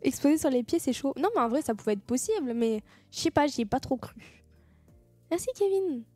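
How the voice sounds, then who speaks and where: A woman's voice: high-pitched, expressive, a little fast, dark tone, faint music behind. A young woman streamer chatting casually with her viewers, swearing freely and thanking them as she goes. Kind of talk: casual live-stream chat.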